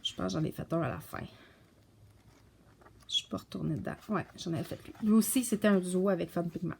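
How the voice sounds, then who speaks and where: A woman casually showing her coloring books, soft-spoken and stumbling over English titles. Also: fairly low pitch, brisk, creaky, a little hiss or hum. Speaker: coloring book vlogger. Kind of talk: casual show-and-tell chat.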